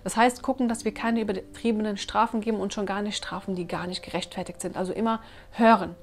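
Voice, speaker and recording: A woman in her thirties, a mother of three, talking earnestly to camera about raising children, often animated. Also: mid-range voice, fast. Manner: earnest, animated, acts out her own scolding. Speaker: parenting vlogger, mother of three. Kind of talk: casual talk to camera. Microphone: camera mic.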